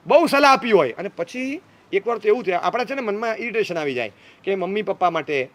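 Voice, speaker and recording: A man's voice: sits high, a bit bright. A man giving a humorous sermon to young people, teasing and playful, mimicking parents and teenagers as he goes. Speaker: speaker addressing young people.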